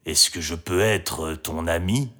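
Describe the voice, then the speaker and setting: Sad, gentle storybook dragon, low and slow, begging forgiveness, read by a man. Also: full character voice. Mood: lonely, remorseful. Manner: sad, pleading. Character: lonely locked-up male dragon, remorseful and gentle.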